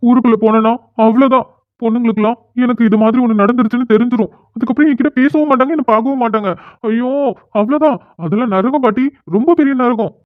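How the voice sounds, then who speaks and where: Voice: mid-range voice, quick pace, natural voice. A whiny, sulking young cartoon husband, as a performer plays him. He pleads and complains in a middling voice. The sound is tinny and phone-like, with no room echo. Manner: whining, pleading. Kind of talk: cartoon dialogue.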